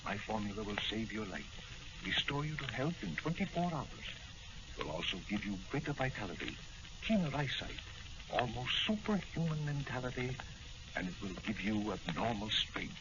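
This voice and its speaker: An actor playing a secretive, assured doctor friend in an old 1940s-style radio drama, speaking in a confiding, emphatic way. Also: male voice, lowish voice, very animated, moderate pace. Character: secretive doctor friend offering a miracle formula. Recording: noisy, muffled old-time radio recording.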